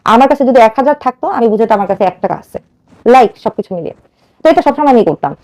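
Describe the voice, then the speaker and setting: In this emotional personal storytelling, a woman in her thirties from Bangladesh recounts her life to a radio host with earnest urgency, voicing the quoted dialogue herself. Her voice sits on the high side, with a darkish tone, animated and rapid-fire.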